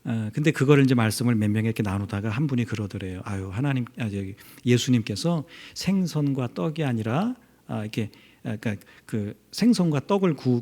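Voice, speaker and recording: A male pastor giving a midweek prayer service sermon, talking to the congregation, rising to loud emphasis and dropping to near-whispers. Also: medium pitch. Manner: animated preaching, swings between loud emphasis and near-whispers; conversational, addresses congregation directly.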